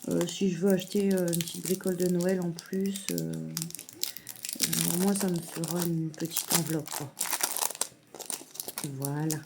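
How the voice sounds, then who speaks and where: A woman showing a parcel in a casual vlog at home, hesitant with many fillers and softly gushing. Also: on the low side, steady tone, a little slow, long pauses, very noisy. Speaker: mother unboxing a parcel of saving challenges. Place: at home at a table.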